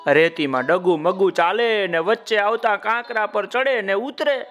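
A man narrating a children's story in a lively way, talking to his listeners by name. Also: high voice, unhurried, soft background music.

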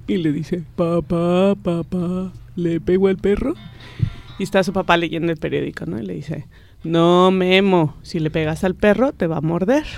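A woman, co-hosting a radio show and telling jokes in a relaxed way, laughing often. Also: fairly low pitch. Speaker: radio co-host.

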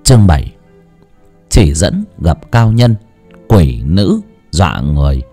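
A man narrating a ghost story with an expressive, dramatic reading. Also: low-pitched, slow, faint music behind. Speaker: audiobook narrator.

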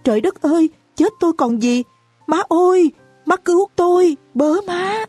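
A woman voicing a young wife in an audiobook, crying out in frantic, shrill pleas. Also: fairly quick, dark tone, husky, no echo, faint music behind, close to an everyday voice. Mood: terrified wailing. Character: young terrified wife, wailing for help.

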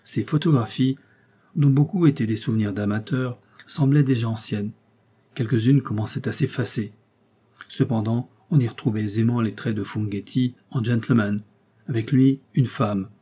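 Man reading an old novel out loud, dark mellow voice, steady and calm. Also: mid-range voice, slightly rough. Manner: measured, steady storytelling. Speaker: audiobook reader. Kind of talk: scripted narration.

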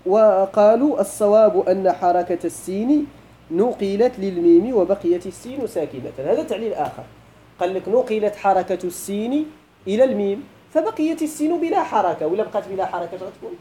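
A man's voice: high-pitched, lively intonation, brisk, dark tone, a little hiss or hum, low-quality recording. A middle-aged man with a Moroccan Arabic accent, teaching a grammar class and pressing students with questions. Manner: questioning students, switching to colloquial.

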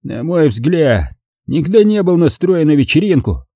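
A man's voice: fairly high pitch, very animated, measured pace, warm tone, husky, no room sound, studio quality, voice pushed up, exaggerated voice. A male audiobook reader voicing a drunk, bitter man who slurs and sneers sarcastically. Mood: sneering. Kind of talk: audiobook character voice.

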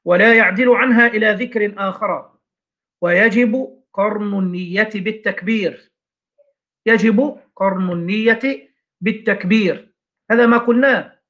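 Guy teaching fiqh, highish voice, reads a line then explains it w/ questions n examples. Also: normal speed, fairly bright tone. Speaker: teacher of Shafi'i jurisprudence. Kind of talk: classroom lecture explaining a legal text.

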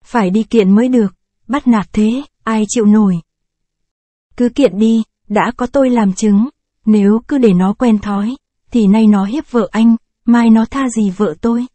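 A woman's voice: on the high side, measured pace, mellow, no echo. Woman reading as indignant townsfolk. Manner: indignant, urging.

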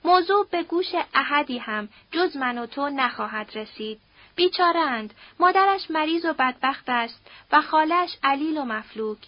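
Woman doing a soft-spoken persuasive young man. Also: high voice, lively intonation, no echo. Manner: measured, soft-spoken pleading. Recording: dull dry audiobook recording.

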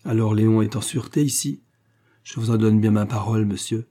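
A man's voice: fairly low pitch, steady tone, a little fast, mellow, close to an everyday voice. A man voicing a hearty, loyal middle-aged farmer in an audiobook, jovial and earnest.

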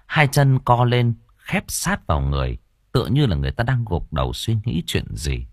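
A man narrating an audio novel with expressive storytelling. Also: medium pitch, moderate pace, dry recording, studio quality.

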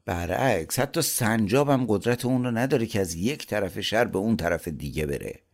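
A man voicing a clever, cheerful young male traveler who speaks calmly and confidently. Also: fairly low pitch. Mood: sly.

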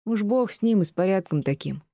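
A woman voicing a blunt, resentful peasant man who answers in curt, gruff retorts, as an audiobook reading. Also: medium pitch, animated, brisk, mellow, dry recording, studio quality, lightly acted. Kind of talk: audiobook reading of classic prose.

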